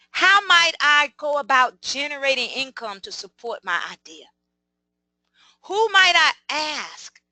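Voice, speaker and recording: A woman's voice: high-pitched, sharp tone, dry recording. A woman giving a live motivational talk, speaking emphatically and asking her audience many rhetorical questions.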